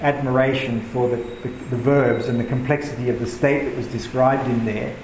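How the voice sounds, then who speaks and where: A man's voice: medium pitch, steady tone, normal speed, a little mellow. A man leading a poetry class, talking with enthusiasm and many restarts as he rambles. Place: room with paintings, a group seated. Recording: echoey room with background noise.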